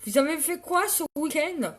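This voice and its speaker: A woman hosting a live makeup tutorial in a playful, teasing way, greeting viewers by name and hamming it up loudly. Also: high voice, lively intonation, normal speed. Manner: loud and exaggerated, hamming it up.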